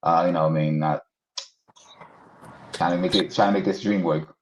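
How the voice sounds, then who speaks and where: A man's voice: low voice, fairly even intonation, moderate pace, reverberant, poor audio. A man from Haiti, a comedian on a panel, chatting casually and teasing with frequent laughs over a video call. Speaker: panelist, stand-up comic. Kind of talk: casual joking chat.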